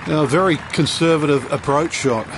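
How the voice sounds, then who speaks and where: A man giving golf commentary as the analyst in a televised-style game broadcast, measured and matter-of-fact. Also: a little high, background noise, close to an everyday voice.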